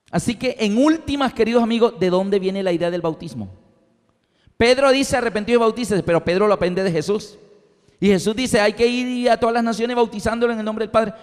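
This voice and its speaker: A man preaching a sermon as an evangelist, telling stories in an animated way and acting out the voices of his characters. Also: high voice. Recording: long hall reverb.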